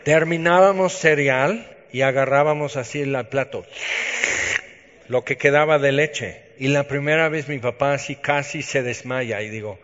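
A man's voice: mid-range voice, normal speed, a bit bright. Mexican man preaching in an echoey hall. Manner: chatty, storytelling, self-teasing humor. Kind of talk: conversational sermon. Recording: dull reverberant hall sound.

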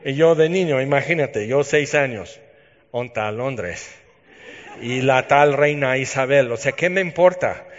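A man's voice: medium pitch, moderate pace, hardly any pauses. A man with a Mexican accent giving a conversational sermon, telling stories with self-teasing humor. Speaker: preacher. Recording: dull reverberant hall sound.

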